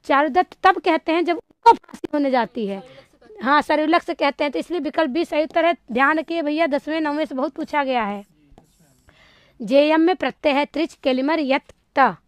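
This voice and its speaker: Female Sanskrit tutor, high pitched, dry recording; runs through past exam questions with a quizzing lilt. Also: moderate pace, no echo. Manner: quizzing tone, reads options aloud then answers them. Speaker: Sanskrit teacher. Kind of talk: exam-prep lecture solving past papers.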